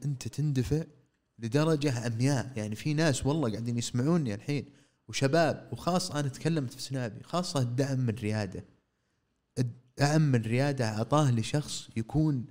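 Saudi man, medium pitch, rapid and animated, gives blunt advice. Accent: Saudi Arabic. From Saudi Arabia. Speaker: entrepreneur guest. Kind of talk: casual podcast chat.

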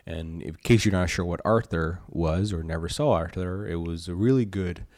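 A man from Colombia co-hosting a podcast in casual chat, relaxed and full of "you know" fillers. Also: sits low, normal speed, no echo, studio quality. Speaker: podcast co-host.

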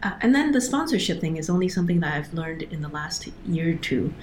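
A woman's voice: low-pitched, very animated, a little fast, a little mellow, slight background noise. A middle-aged woman from Hong Kong, a guest on a podcast interview, explaining things earnestly with frequent restarts over a remote call. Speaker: guest, operations director.

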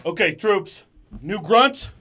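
A man's voice: high voice, lively intonation, slow, over music. A man playing a flustered male army commanding officer in an improvised comedy scene, hesitant and full of ums and uhs. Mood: sheepish. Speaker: improv performer.

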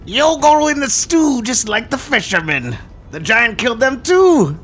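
A man voicing a menacing old hag in a tabletop game, screaming her threats in a drawn-out shriek. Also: very high voice, big pitch swings, fairly bright tone, faint music behind, pitched above the performer's own voice, exaggerated voice. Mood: gleeful menace. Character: cackling, menacing old hag who stews intruders.

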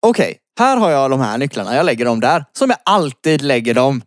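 A man's voice: medium pitch, very animated, no room sound, studio quality. A man co-hosting a casual rant podcast, hesitant, laughing often and swearing casually. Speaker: podcast co-host.

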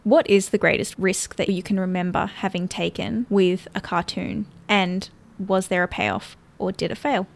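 A woman's voice: medium pitch, fairly even intonation, moderate pace, gravelly, few pauses. A woman hosting a podcast interview, casually prompting her guest with curious questions. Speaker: podcast host.

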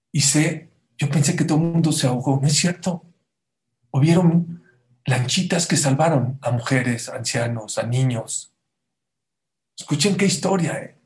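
A man preaching a sermon to a congregation, dramatic, dropping to a hush and then rising loud as he acts out the people in his stories. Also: medium pitch. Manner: dramatic, swings from hushed to loud, acts out quotes.

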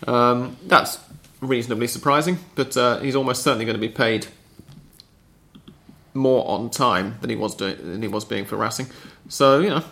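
Gravelly, bright-voiced male podcast host. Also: mid-range voice, normal speed. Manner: reads listener questions, chatty and dry. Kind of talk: casual podcast chat.

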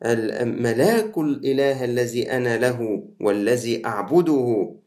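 Egyptian priest preaching in a conversational way. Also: male voice, mid-range voice, animated, a little slow, darkish tone. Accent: Egyptian Arabic. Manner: conversational preaching, switching between colloquial and formal Arabic. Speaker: Coptic Orthodox priest. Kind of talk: sermon.

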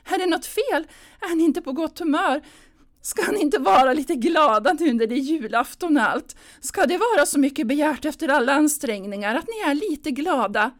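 A woman voicing an anxious, fussy older mother, plaintive and close to tears, with a raised, lively voice. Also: sits high, pitched above the performer's own voice.

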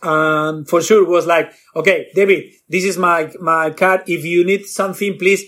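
A guest bartender tells stories in an animated way at a normal speed. He acts out quotes with jumps in pitch, and his grammar is non-native.

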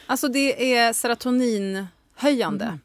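A woman's voice: on the high side, dry recording. A woman, a podcast guest who chats animatedly and chimes in often. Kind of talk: casual podcast chat.

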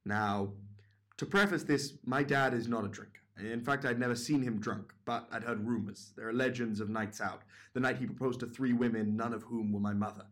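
A man's voice: medium pitch, normal speed, fairly bright tone. A man tells a funny personal story with dry, wry timing, letting his lines build toward each punchline. His voice sits in a plain middle range. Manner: wry, building comic rhythm. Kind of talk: live comic personal storytelling.

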